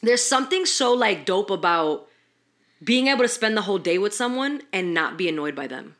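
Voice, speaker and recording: A young woman chatting casually and candidly as a podcast guest, animated, slangy and swearing freely. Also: medium pitch, a little fast.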